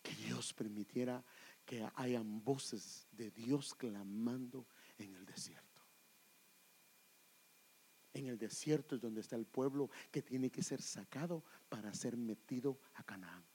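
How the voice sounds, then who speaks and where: A man preaching a sermon, calling his listeners brother, dropping to hushed whispers and building to loud, fervent climaxes. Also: medium pitch, unhurried, breathy edge, low-quality recording.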